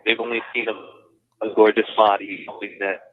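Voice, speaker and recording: A lowish male voice comes through a thin, tinny payphone line from a jail. He speaks softly and affectionately, in an easy sweet-talking way. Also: flat delivery, normal speed, a crowd in the background. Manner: soft, affectionate sweet talk. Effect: payphone call from a jail phone line. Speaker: inmate on a jail phone call.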